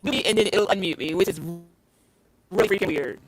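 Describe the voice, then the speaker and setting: Woman on a choppy, glitchy call. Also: lowish voice. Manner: flustered, talks in halting restarts. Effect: choppy, glitchy online call connection. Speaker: co-host. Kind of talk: casual live-stream chat. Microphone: online call from a computer.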